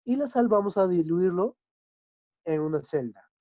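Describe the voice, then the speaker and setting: A male chemistry teacher explaining a lesson patiently, often checking understanding with quick tag questions. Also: high voice, animated, warm tone, dry recording. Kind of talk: online class explanation. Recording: dull dry lo-fi recording.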